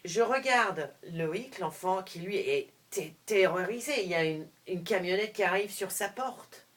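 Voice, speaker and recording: A middle-aged woman telling a personal story to camera, animated, with frequent restarts, moving between hushed and loud. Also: medium pitch, unhurried. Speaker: vlogger.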